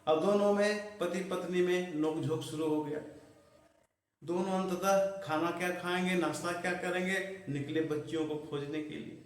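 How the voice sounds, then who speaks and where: A man narrating a motivational story, unhurried, with rhetorical asides to the listener. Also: sits high, fairly even intonation. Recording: echoey room, far from mic.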